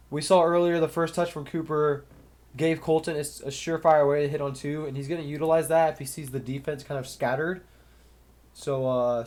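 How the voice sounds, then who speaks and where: His voice is on the high side and a little mellow, with a slight nasal, stuffy quality from a cold. This young commentator casually calls a match solo, play by play, thinking aloud in between points.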